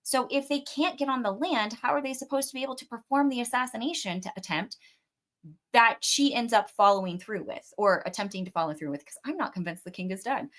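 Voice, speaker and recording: A woman's voice: a little high, a little fast, fairly bright tone. A young adult woman hosting a book podcast, chatting casually through a chapter recap with her own theories and the occasional swear word.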